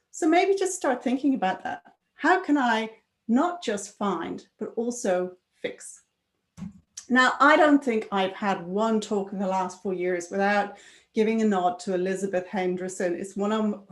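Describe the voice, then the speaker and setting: A woman's voice: medium pitch, roomy sound. A woman giving a conference talk in a conversational way, often adding tag questions. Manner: conversational, adds tag questions, laughs now and then. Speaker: conference speaker. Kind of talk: presentation talk.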